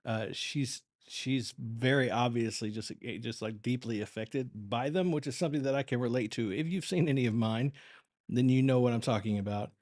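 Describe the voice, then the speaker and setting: A man hosting a reaction livestream, chatting casually and unscripted in a halting, rambling, conversational way. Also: medium pitch, a little mellow. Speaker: live-streaming reaction channel host.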